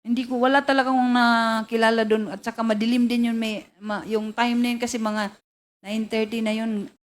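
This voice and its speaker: A woman testifies at a hearing in a slightly high voice, speaking politely and haltingly. She searches for her words and fills the gaps often. It sounds like a formal hearing room. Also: level tone. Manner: hesitant, halting, polite with many fillers. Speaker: witness at a hearing.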